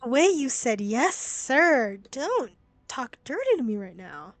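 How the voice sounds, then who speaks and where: A woman's voice: sits high, huge pitch swings, normal speed, darkish tone, no room sound. A young woman streaming a game, talking in a blunt, sweary, exasperated way as she reacts. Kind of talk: casual game-stream commentary. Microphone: laptop stream mic.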